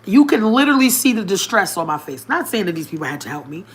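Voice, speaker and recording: A woman's voice: big pitch swings, quick pace. Outspoken woman telling a personal story. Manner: outspoken and straightforward, colloquial, speaks straight to the audience; emphatic, with sudden rises in pitch and loudness. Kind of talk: candid personal storytelling to viewers.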